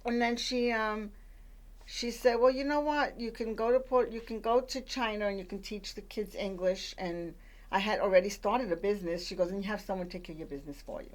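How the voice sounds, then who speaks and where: A woman's voice: medium pitch, brisk. An older woman from Puerto Rico, raised in the Bronx, chatting as a radio guest with many fillers and restarts as she tells her life story. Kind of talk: conversational storytelling.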